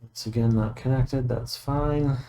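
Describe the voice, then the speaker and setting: A man's voice: medium pitch, fairly even intonation, unhurried, warm tone. A man working as a computer repair technician talks through a casual tech walkthrough, methodical and matter-of-fact, thinking aloud as he goes.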